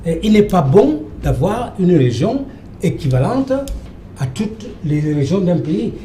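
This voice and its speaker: Speaking in a sing-song, unhurried way, an older man from Cameroon lectures as a TV debate guest, emphatic and prone to repeating phrases. His mellow voice is slightly high, and the spacious studio echoes over a faint underlying hum.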